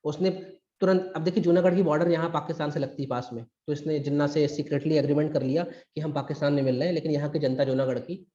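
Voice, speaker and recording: A man's voice: a little high, fairly even intonation, fast, hardly any pauses, mellow, roomy sound, highs cut off. A man teaching a live online history class for exam preparation, talking in a conversational, emphatic way. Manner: conversational and emphatic, acts out quotes. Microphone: recorded through a video call.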